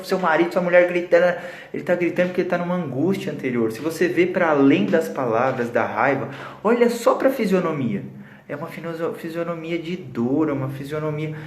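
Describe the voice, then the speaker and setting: A man with a Brazilian accent, a psychologist giving a lively live talk on communication and acting out the voices he quotes. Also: a little high, reverberant. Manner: animated, acts out quoted voices.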